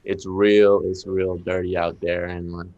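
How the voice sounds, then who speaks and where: A man's voice: deep voice, level tone, a little slow, darkish tone, lo-fi sound. A young man with a Boston accent, a rapper guest talking casually and rambling with lots of fillers. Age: young adult. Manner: laid-back, rambling with many fillers. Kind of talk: casual interview chat.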